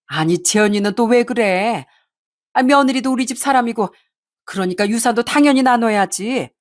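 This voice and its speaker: A woman voicing a greedy, nagging older mother-in-law who drawls her complaints slowly and guilt-trips. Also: a little high, pitched above the performer's own voice, lightly acted. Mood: indignant. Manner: slow, drawn-out, whining guilt-tripping.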